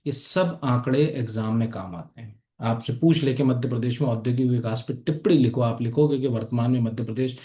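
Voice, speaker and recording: A male coaching teacher talks students through exam-prep slides in a relaxed, conversational way. He keeps dropping little check-ins as he goes. His voice sits at an ordinary middle pitch and rings in a reverberant room. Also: fairly quick, hardly any pauses. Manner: conversational, repeats fillers like "ठीक है" and "है ना". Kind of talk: lecture over on-screen slides. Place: academy classroom or studio.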